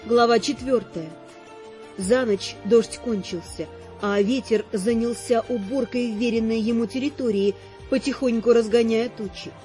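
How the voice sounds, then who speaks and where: High-voiced woman reading an audiobook. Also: dark tone. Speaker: audiobook narrator. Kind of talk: scripted first-person narration.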